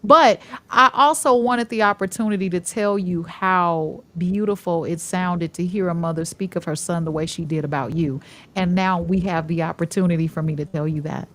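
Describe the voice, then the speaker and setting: A woman with a lowish voice hosts a talk show in a loose, chatty way. She gushes over her guest and lets her questions run on with many asides. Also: normal speed, fairly bright tone. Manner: effusive, chatty, rambling questions. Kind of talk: casual interview chat.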